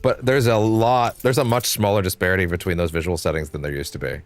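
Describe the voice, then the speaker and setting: A man's voice: low-pitched, steady tone, fast. A man giving casual, sweary live gameplay commentary, thinking aloud as he plays. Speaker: game streamer. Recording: game music behind voice. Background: game music.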